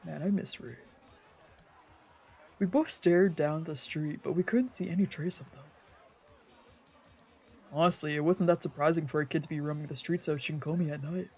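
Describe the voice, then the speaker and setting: A mid-range, darkish voice with a breathy edge, moderately paced and broken by long pauses, on a low-quality recording. A streamer reads a visual novel aloud as dramatic let's-play narration, improvising character voices and tossing in casual asides. Faint game music plays behind.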